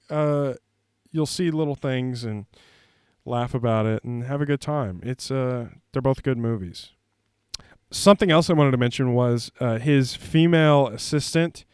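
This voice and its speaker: A man's voice: medium pitch, smooth, no room sound, clean studio sound. A man hosting a casual movie commentary vlog, rambling with lots of fillers and goofy jokes. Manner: rambling, filler-heavy, jokey. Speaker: host.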